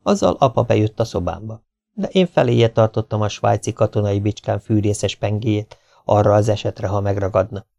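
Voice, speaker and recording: Gravelly male audiobook narrator. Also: fairly low pitch, warm tone, dry recording. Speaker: audiobook reader. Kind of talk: first-person audiobook narration. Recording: dull lo-fi home recording.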